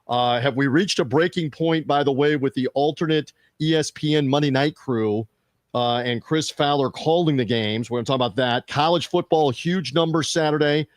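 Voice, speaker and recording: A man hosting a sports media podcast, chatting casually with fillers and quick restarts. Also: a little high, no room sound, clean studio sound. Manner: conversational, fillers and restarts, reads out show plugs.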